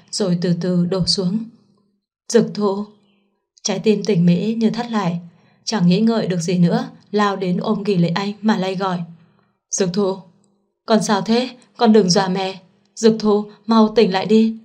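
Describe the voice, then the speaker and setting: A woman reading a romance novel aloud as narrator, in a steady, even storytelling voice. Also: mid-range voice.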